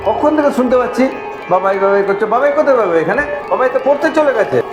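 A panicky husband in a comic horror skit, played by a man, with a very high, strained voice. He keeps crying out, and the room around him sounds echoey. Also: expressive, fast talker, music in the background. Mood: puzzled. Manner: exclaiming, panicky. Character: startled husband and father.

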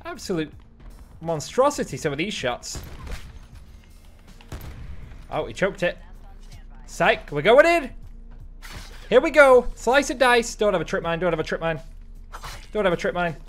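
A young man streaming, giving excitable running commentary on his gameplay from a close mic. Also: high-pitched, moderate pace, pauses often, faint music behind. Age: young adult. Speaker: gaming streamer.

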